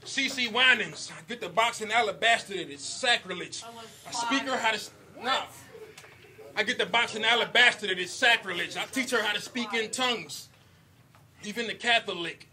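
In an indoor basement venue, a battle rapper delivers punchy, rhythmic bars, chuckling now and then between them. His voice is high and his pace moderate, while the loud live recording carries a crowd cheering and shouting.

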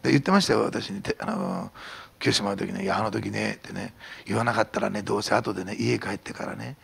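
Middle-aged male pastor, fast and lively sermon delivery, gravelly and husky, whispering and shouting by turns. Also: fairly low pitch. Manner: animated preaching, drops to a hushed whisper for emphasis, then shouts.

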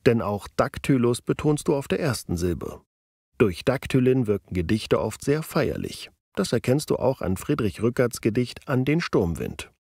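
A man narrating a scripted educational video, explaining clearly and deliberately. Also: mid-range voice, big pitch swings, darkish tone, dry recording, clean studio sound. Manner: clear, deliberate explaining, slowing down to read verse with stressed syllables.

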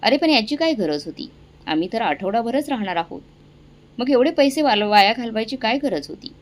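A woman's voice: on the high side, big pitch swings, moderate pace. A woman voicing a modest older mother fretting over money being spent.

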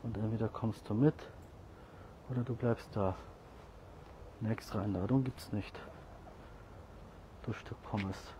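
A man walking outdoors with a group of cats, talking to them casually, scolding and coaxing, sometimes calling out loudly. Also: on the low side, steady tone, a little slow, pauses often. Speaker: cat caretaker vlogger. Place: outdoors on a street walk. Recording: faint outdoor noise.

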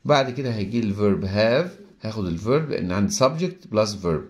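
A man with an Egyptian Arabic accent teaching English grammar, explaining step by step, reading English sentences slowly and acting out his students' questions. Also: fairly low pitch, animated. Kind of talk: recorded grammar lesson.

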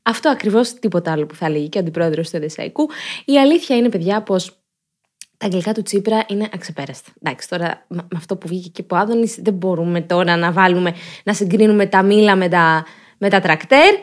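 A woman hosting a podcast in a casual, chatty way with joking, ironic asides. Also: fairly low pitch. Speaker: podcast host. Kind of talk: casual chat.

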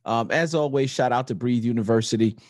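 A man co-hosting a podcast in casual chat, relaxed and slangy, often dropping "you know what I'm saying.". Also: medium pitch, fairly quick, dry recording, studio quality. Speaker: podcast co-host.

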